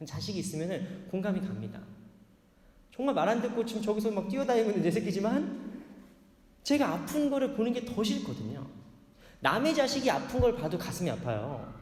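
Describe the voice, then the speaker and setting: Animated male pastor in echoey church. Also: high voice. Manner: animated, acts out imagined voices of listeners. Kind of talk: Sunday sermon. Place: church hall. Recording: echoey church hall with long reverb.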